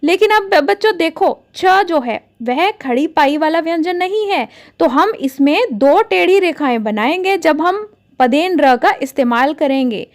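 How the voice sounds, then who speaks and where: A woman with a high, light voice gives a Hindi spelling lesson to children. She explains step by step, patiently, and often turns to speak to the kids directly. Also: expressive, a little slow. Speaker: Hindi teacher.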